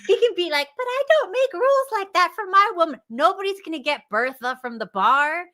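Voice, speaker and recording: Teasing, sarcastic female co-host with a bright, lively voice. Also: very high voice, brisk. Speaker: podcast co-host. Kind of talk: casual podcast chat.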